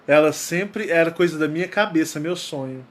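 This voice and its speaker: A channel host with a Brazilian Portuguese accent tells a personal story in a casual style, speaking at normal speed in a voice on the high side. He's emphatic, tends to repeat key phrases, and acts out quoted dialogue.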